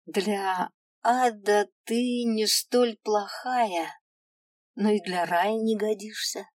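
A woman's voice: mid-range voice, fairly even intonation, slow pace, no room sound. A bored little imp of the afterlife, as a woman reader puts him on, sighing through his shift. He sounds raised and pushy, every line dismissive and indifferent. The storybook audio is dry and close. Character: bored, irritable male imp clerk of the afterlife.

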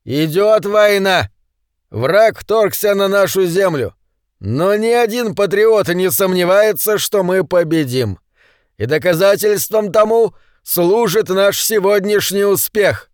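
A bald male militia leader in a storybook reading, put on by a male narrator. He declaims like a battle speech in a raised, fairly high voice, dry and close. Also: expressive, takes it slowly, dry recording. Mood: rousing. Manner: rousing, declamatory.

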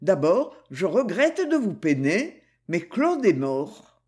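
A hunted male taxi driver from a storybook, firm and earnest, as read by a woman narrator. The delivery is slow and measured with a lively rise and fall. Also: on the low side. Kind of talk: audiobook character voice.

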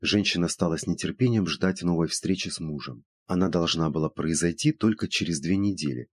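A man reading a novel aloud as narrator, in a steady, measured way. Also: deep voice, slightly rough, dry recording. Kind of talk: audiobook narration.

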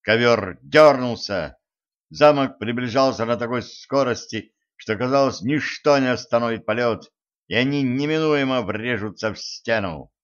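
Male audiobook narrator, brisk lively storybook reading, dull lo-fi sound. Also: medium pitch. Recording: dull lo-fi recording.

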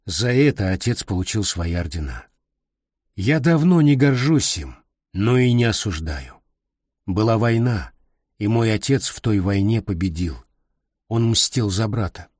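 Husky, measured middle-aged man reading. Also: fairly low pitch, no echo, clean studio sound. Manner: calm, reflective, measured. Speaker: narrator. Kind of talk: reading a personal memoir aloud.

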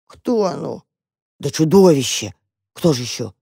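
A storyteller voicing a brave, curious young male mouse who talks briskly and takes charge. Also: medium pitch, vocal fry, slightly rough, no echo, clean studio sound, full character voice. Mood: eager, impatient. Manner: lively, bossy, impatient.

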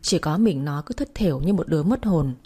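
A woman narrating a Vietnamese audio story in an even storytelling manner. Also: sits low, fairly quick, breathy edge. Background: faint music.

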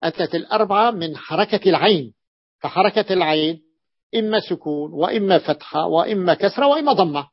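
A man's voice: high-pitched, animated, fairly quick, breathy edge. Male teacher, patient repetitive lecture. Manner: repeats points patiently, checks the listeners often. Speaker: teacher of Arabic morphology. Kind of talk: classroom lecture explaining a text. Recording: dull lo-fi recording.

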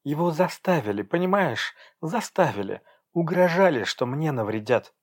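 A man reading an audiobook, voicing a distraught, defiant young woman in a shrill, agitated tone. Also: expressive, measured pace. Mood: desperate. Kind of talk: audiobook character voice.

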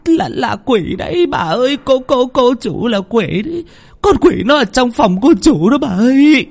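A man's voice: very high-pitched, very animated, moderate pace, pitched above the performer's own voice, full character voice. A man doing a shrieking, terrified old cook woman. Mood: panicked. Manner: stammering, shrieking for help. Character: terrified older female cook, panicking.

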